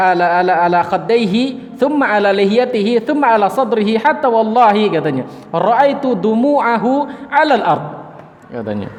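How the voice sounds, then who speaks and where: A man preaching an Islamic study lecture, retelling a story by reading Arabic lines and then explaining them. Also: sits high. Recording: lecture hall with long reverb.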